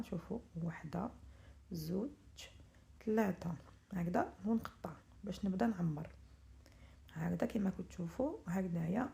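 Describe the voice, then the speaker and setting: Soft-spoken gravelly Algerian woman cook. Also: mid-range voice. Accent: Algerian Arabic. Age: middle-aged. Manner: speaks softly, often half-whispering early in the morning; chatty, instructive, switches into French words. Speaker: home cook selling pastries to order. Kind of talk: cooking tutorial narration.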